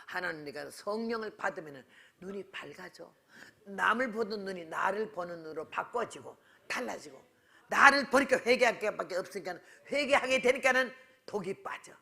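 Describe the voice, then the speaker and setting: Blunt, gravelly older woman preaching. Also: fairly low pitch, bright, forceful tone. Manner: blunt, scolding storyteller who acts out both sides of conversations. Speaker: guest revival preacher, missionary. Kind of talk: revival sermon with anecdotes. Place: church sanctuary.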